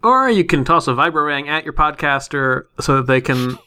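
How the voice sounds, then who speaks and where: A man's voice: a little high, expressive, normal speed, pushed and bright. A man playing in a tabletop game podcast, joking casually and laughing often.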